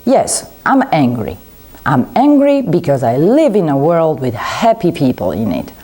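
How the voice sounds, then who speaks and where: A woman's voice: sits low, wildly swooping pitch, a little slow, mellow, breathy edge, exaggerated voice. A woman voicing a grumpy, miserly old man in a storybook reading, snapping out scornful retorts. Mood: angry.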